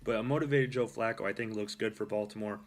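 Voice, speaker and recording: A young man with a voice on the low side hosts a casual sports talk show alone, talking at a quick pace. He rambles with fillers and self-corrections, and there's slight background noise.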